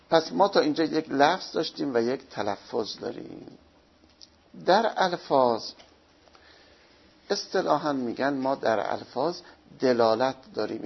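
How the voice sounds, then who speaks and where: A man lectures with a gravelly, husky voice, posing questions and then answering them as he works through each point. The recording is dull and lo-fi. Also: medium pitch. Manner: explains slowly, asks and answers his own questions. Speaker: teacher. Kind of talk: seminary lecture.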